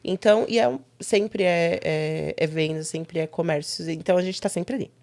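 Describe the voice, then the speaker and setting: Interview guest: young adult woman, lower register, animated conversational storyteller. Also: vocal fry. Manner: animated storytelling with quick quoted asides.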